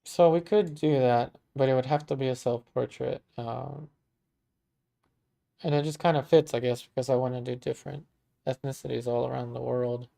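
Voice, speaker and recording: This is a painting teacher in his thirties from Maryland, USA, chatting easily with livestream viewers and reading their comments. His gravelly, medium-pitched voice moves at a moderate pace, full of ums and restarts and warm thanks.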